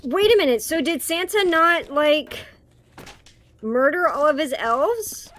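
A woman co-player in a casual gaming chat, playful and animated as she speculates. Her voice is higher than most. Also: slow pace.

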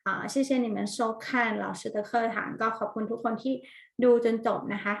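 Woman teacher, gravelly voice, roomy echo, patient, gentle, slow clear repetition for children. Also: fairly high pitch, little pitch movement. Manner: patient, repeats words slowly and clearly; gentle, addresses pupils as children. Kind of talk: online lesson narration.

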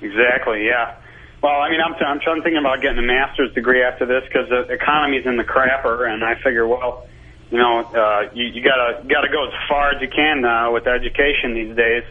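A man's voice: medium pitch, fairly even intonation, a little fast. A man in his twenties calling in to a radio show, sounding like he is on speakerphone, talking casually and hesitantly with lots of restarts. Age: 20s. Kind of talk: call-in radio chat. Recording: tinny phone line.

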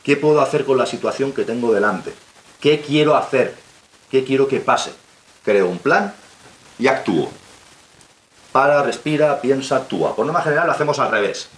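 A man's voice: mid-range voice, animated, moderate pace, pauses often. A man giving a talk to young listeners, telling a survival story and asking rhetorical questions. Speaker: guest speaker. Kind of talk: motivational talk to young audience. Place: local hall with audience. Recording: roomy hall, faint background hiss.

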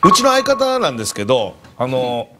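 A man's voice: medium pitch, normal speed, heavy background noise. A young adult man with a Kansai accent, telling a comic anecdote as a comedian on a TV panel and acting out the voices of the people in it. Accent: Kansai Japanese. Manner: animated storyteller, acts out quoted voices.

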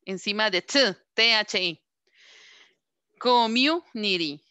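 Slow, patient woman teaching online. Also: medium pitch, pushed and bright. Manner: slow, patient, repeats words for students to echo. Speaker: English teacher. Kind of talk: online class instruction. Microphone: computer microphone on a video call.

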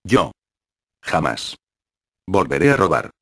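A man reading the lines of a defiant teenage boy from a juvenile colony, in a curt, even delivery. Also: lowish voice, moderate pace, dry recording, clean studio sound, close to an everyday voice. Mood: subdued.

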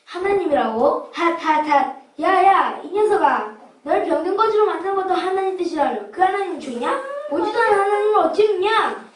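A pompous, blustering villain of a rich old man, acted by a woman for a children's puppet play. The voice is very high and theatrical, recorded in a roomy space at some distance. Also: lively intonation, moderate pace, hardly any pauses. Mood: indignant. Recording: roomy, distant miking with background hiss.

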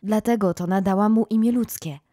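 Imaginative little girl, playful storyteller, woman reader, mid-pitched. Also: brisk, mellow, no echo, clean studio sound, natural voice. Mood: earnest. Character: imaginative, kind young girl. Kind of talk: audiobook reading.

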